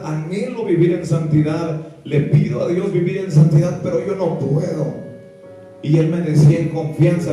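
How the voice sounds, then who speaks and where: A man's voice: fairly high pitch, mellow. A man with a Mexican Spanish accent preaching an impassioned sermon, now and then singing lines of a hymn and acting out the voices he quotes. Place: church hall. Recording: echoey church hall, mic at a distance, faint music.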